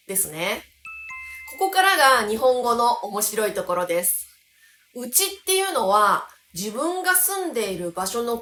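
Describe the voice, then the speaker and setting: Japanese teacher lady from kansai, really lively up and down voice, slows on the important words, kinda echoey room. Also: fairly high pitch, slight background noise. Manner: slows and stresses key words while explaining. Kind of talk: explanatory online language lesson. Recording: roomy echo.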